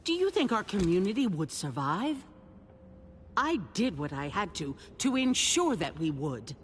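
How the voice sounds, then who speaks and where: A woman's voice: mid-range voice, sing-song, unhurried, big-room sound, a little hiss or hum. An actress playing a cold, scheming woman who leads a community, with a haughty, unapologetic manner in a video game. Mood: defiant.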